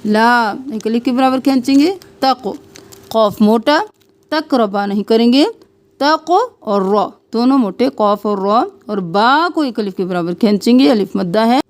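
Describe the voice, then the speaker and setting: A woman teaching Quran recitation with tajweed. She draws out recited syllables slowly, then explains each rule in brief asides. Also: a little high.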